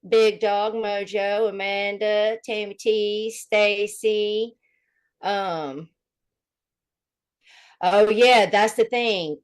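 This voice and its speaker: Woman on a heavily compressed mic. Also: mid-range voice. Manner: chatty, laughs often, loud bursts. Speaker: livestream co-host. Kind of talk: casual chat. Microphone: streaming mic with compressor.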